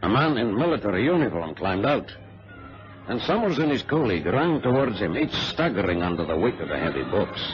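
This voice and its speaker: Faint music plays behind a man with a fairly low, sing-song voice who talks a little fast. He's cast as a cautious, conscientious adventurer gravely recounting his exploit in a dramatic vintage radio drama of narration and dialogue. The old recording is muffled, with faint noise.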